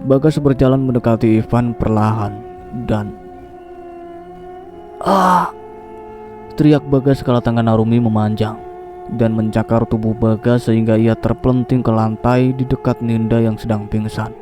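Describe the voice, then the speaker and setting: A man narrates a scripted horror story at a middle pitch. He keeps his reading steady. Clear music runs under his voice. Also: moderate pace. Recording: voice over clear background music.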